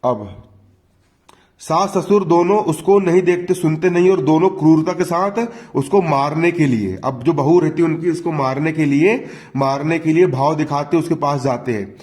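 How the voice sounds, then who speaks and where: A man's voice: a little high, normal speed, darkish tone. Chatty male teacher narrating a lesson. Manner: chatty, addresses students as "bhaiya".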